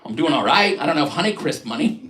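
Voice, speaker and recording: A middle-aged man doing a self-deprecating stand-up set on a live stream, jumping into quick bits where he acts out shoppers and clerks. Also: fairly high pitch, expressive, fairly bright tone, echoey room, a little hiss or hum. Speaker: stand-up comedian.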